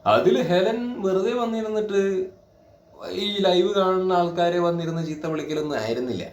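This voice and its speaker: In an echoey room, a reaction video creator gives his opinions at a moderate pace, his high voice carrying a darkish tone. He's indignant and scolding, pressing his points with emphasis and rhetorical questions.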